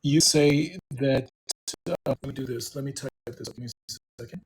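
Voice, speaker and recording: A man tutoring English one-on-one, patient and encouraging, pausing to type as he explains. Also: mid-range voice, noisy background. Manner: patient, encouraging, talks while typing. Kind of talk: one-on-one online English lesson.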